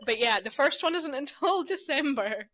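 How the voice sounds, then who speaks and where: A woman's voice: high-pitched, expressive, moderate pace, a bit bright, dry recording. A young adult woman co-hosting a casual podcast chat. She tells stories and swears freely. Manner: chatty storyteller, swears freely. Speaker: podcast co-host.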